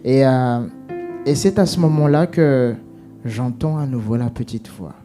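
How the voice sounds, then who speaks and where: A man giving an emotional personal testimony, halting with many restarts and fillers, acting out what was said. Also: medium pitch, soft background music.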